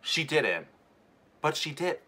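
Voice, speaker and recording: A man's voice: a little high, sing-song, takes it slowly, sharp tone, slight background noise. A young man, a drag queen host, giving casual reaction commentary in a campy, effusive manner full of exclamations. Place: indoor room set with sequin curtain. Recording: music playing behind the voice. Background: music.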